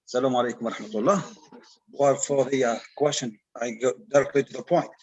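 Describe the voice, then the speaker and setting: A man from Algeria with a North African, Algerian accent and Arabic as his first language, giving an explanatory academic answer in a halting way. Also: mid-range voice, steady tone, darkish tone, lo-fi sound. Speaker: conference panelist.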